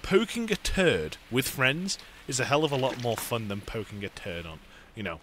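A man's voice: mid-range voice, lively intonation, normal speed, fairly bright tone, a little hiss or hum. A man giving casual gameplay commentary while playing, joking, swearing and chatting to viewers. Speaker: gaming video host.

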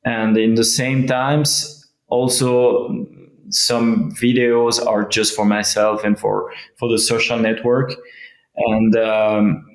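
Slow, gravelly man. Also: fairly low pitch, level tone. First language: French. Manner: halting, many fillers and restarts. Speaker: guest, freeride skier. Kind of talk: casual interview. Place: indoor room, remote video call. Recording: echoey room sound.

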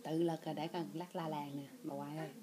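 A woman's voice: low voice, flat delivery, fast, crowd noise. A mother talks to her baby at home, repeating short coaxing phrases over and over. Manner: repetitive, coaxing baby talk. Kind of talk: home video talk to a baby.

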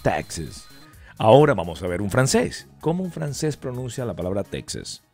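A male radio announcer giving a casual explainer, animated and full of rhetorical questions. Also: medium pitch, a little fast, faint music behind.

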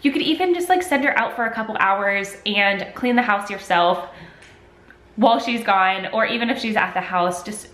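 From her echoey home kitchen, a lifestyle vlogger in her twenties talks casually to a camera placed at desk distance, sniffly from a cold. She's chatty and moves her hands a lot, her medium-pitched voice fairly bright at a normal speed.

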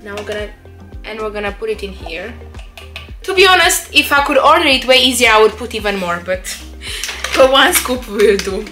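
A woman's voice: fairly high pitch, lively intonation, brisk, bright, forceful tone, faint music behind. A young woman chatting casually and upbeat in a product review vlog, with rambling asides. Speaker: vlogger.

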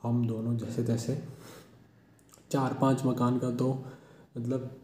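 A man's voice: medium pitch, flat delivery, takes it slowly, darkish tone, a little hiss or hum. A young man telling a funny personal story in a casual, chatty way, often chuckling as he goes. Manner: chatty, keeps saying "bhai", chuckles through the tale. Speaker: vlogger. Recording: roomy echo.

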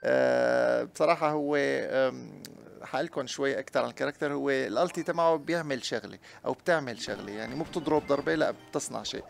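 A young man, a chatty gaming YouTuber doing let's-play commentary who talks to his viewers and gets loud and excited during play. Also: medium pitch, quick pace, creaky.

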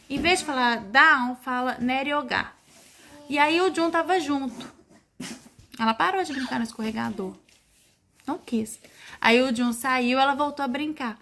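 A woman's voice: high-pitched, normal speed, pushed and bright, slight background noise. A young Brazilian woman chatting casually in a family vlog, talking about her toddler. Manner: chatty, playful baby talk with her toddler. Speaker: vlogger mother.

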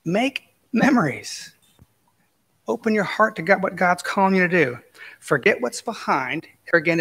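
A man's voice: a little high, creaky, a bit bright. A man preaching a conversational sermon as pastor, telling folksy stories with casual asides. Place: church sanctuary. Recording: long reverb of a church sanctuary.

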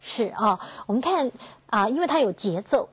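A woman teaching English phonetics in a classroom lecture, asking her students questions and slowly repeating each key term. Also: a little high, lively intonation, husky, no echo. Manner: slow, drawn-out, repeats key terms, asks students questions.

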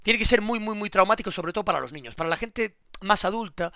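Excitable streamer guy, high gravelly voice, cusses a lot, dry close sound. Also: fast talker, no echo. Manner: swearing, excitable, repeats himself. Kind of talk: casual live-stream commentary.

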